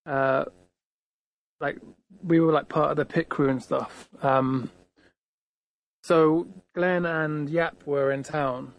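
Man with a gravelly voice telling a rambling story. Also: a little high, steady tone, slow pace, pauses often. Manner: rambling, heavy with fillers, acts out quoted lines. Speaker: guitarist guest. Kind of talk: casual anecdotal storytelling.

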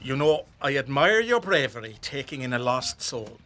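An actor playing an earnest, meddling Irish do-gooder nephew who is evasive and well-meaning, in a radio comedy. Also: male voice, mid-range voice, very animated, moderate pace, a bit bright.

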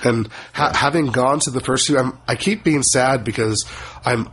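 A man with a wheezy, hoarse voice, roughened by a cough, chatting casually as a co-reviewer on a podcast. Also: mid-range voice, normal speed, a bit bright. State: voice affected by a lingering cough.

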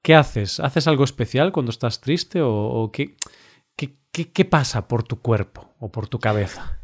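Slow-spoken man co-hosting. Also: medium pitch, husky. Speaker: podcast co-host. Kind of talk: casual podcast chat.

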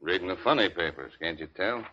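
A man's voice: deep voice, lively intonation, a little fast. An actor playing a sardonic, needling 1930s beat cop, a hard-boiled city policeman in a vintage radio crime drama. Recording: dull vintage radio recording.

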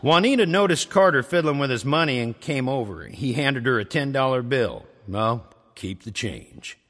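A man's voice: medium pitch, lively intonation, brisk, a bit bright. Wry male storyteller in a church hall. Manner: wry, playful delivery. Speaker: storyteller and show host. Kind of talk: live storytelling and casual intro. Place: church, live audience. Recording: reverberant live church hall.

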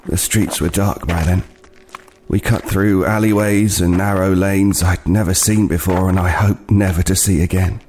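In an audio play, an actor voices a weary, wary homeless man telling an unsettling tale in the first person, hesitant and haunted, halting and repeating words, with an uneasy, ominous mood. His voice is low, steady, darkish and natural, with slight background noise.

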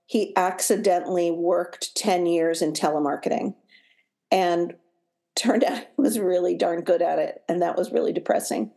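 A middle-aged woman co-hosting a podcast, chatting casually, easygoing and quick to laugh. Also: fairly low pitch, creaky, mellow. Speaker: podcast co-host. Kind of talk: casual chat.

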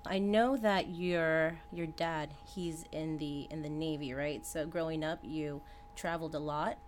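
Woman host, low voice, lots of mm-hmm, curious questions. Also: fairly even intonation, measured pace, a little hiss or hum. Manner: affirming, curious, frequent "mm-hmm". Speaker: podcast host. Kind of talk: casual interview.

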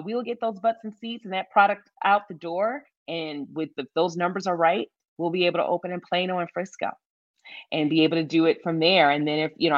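Emphatic low-voiced businesswoman from Michigan. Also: no echo, highs cut off. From Michigan, USA. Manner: emphatic, repeats key phrases for stress. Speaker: salon founder, guest. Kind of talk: conversational interview.

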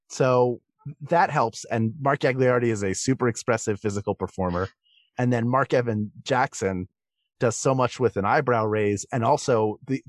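This podcast guest, a comedic stage and voice performer, answers interview questions thoughtfully and explains things conversationally. His pitch is medium, and the recording is dry.

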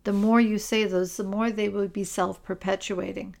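A woman speaks as a recovery coach in a motivational podcast monologue. Her voice has a gravelly, creaky texture at a middle pitch. She addresses listeners in an earnest, encouraging way. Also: flat delivery, normal speed, darkish tone.

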